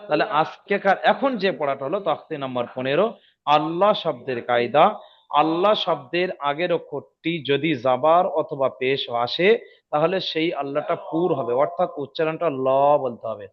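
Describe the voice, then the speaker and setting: A man teaching Quran reading rules in an online lesson, patiently repeating each rule and checking if his students follow. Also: a little high. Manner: slows down and drawls when demonstrating recitation. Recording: dull lo-fi audio.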